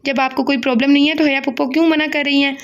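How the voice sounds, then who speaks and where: A woman's voice: sits high, flat delivery, fast talker, muffled recording. A woman reading as a clingy, sulky little boy. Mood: pleading. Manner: whiny, pleading.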